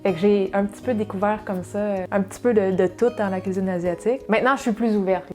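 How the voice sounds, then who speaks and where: With a Québécois French accent, this thirtysomething woman from Saguenay, Quebec, is a talkative cooking channel co-host in a casual Q&A. Her voice is mid-range and mellow with fairly even intonation, and she speaks rapidly with lots of fillers and restarts. There's faint background music.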